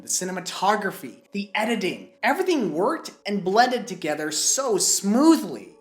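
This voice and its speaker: A woman reviewing a film in a scripted video, her voice still recovering from a cold, with playful jokey asides. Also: medium pitch. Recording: echoey room with music.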